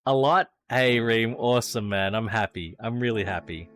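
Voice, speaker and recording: A man's voice: fairly low pitch, normal speed, fairly bright tone. A man with an Australian accent streaming a racing sim, thinking aloud as he tunes a car and chatting with viewers, swearing now and then. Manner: swears casually. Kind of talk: casual live-stream commentary.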